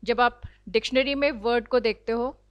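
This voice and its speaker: A woman with an Indian accent teaching an online English class, explaining slowly and deliberately and mixing in English phrases. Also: fairly high pitch, no room sound, lo-fi sound. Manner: slow, deliberate explaining, switching between Hindi and English. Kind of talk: online lecture.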